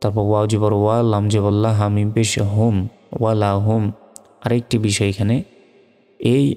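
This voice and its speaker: A man teaching Quran reading, spelling out Arabic letters and vowel marks one at a time and breaking into melodic recitation, in a slow, patient, methodical way. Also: fairly low pitch, mellow, big-room sound. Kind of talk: spelling out Arabic letter by letter, then chanting the verses.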